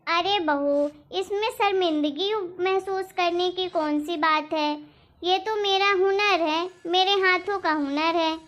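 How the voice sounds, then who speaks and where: A woman voicing a kind, hardworking older mother-in-law in a cartoon, speaking in a gentle, patient, pleading way. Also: very high-pitched, fairly even intonation, slow, full character voice. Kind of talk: cartoon voice acting. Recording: dull lo-fi recording.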